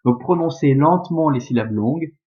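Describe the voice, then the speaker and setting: A man's voice: fairly high pitch, moderate pace, dull audio. A man carefully explaining, step by step, how to read and scan Latin verse aloud.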